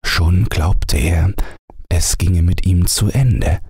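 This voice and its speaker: A man reading a fairy tale aloud as a calm bedtime audiobook narrator. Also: low-pitched, breathy edge, no echo, clean studio sound. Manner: measured storytelling voice.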